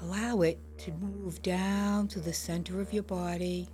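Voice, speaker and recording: Slow, soothing woman guiding a meditation. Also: on the low side, fairly even intonation, soft background music. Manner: gentle, slow, soothing, unhurried delivery. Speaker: guest, meditation guide. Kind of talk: guided meditation.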